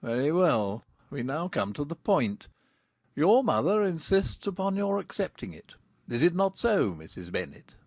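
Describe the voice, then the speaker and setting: A man playing a dry, ironic middle-aged gentleman father in a dramatized audiobook, with measured formal delivery. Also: a little high, big pitch swings, husky, no echo, full character voice. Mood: mock-solemn.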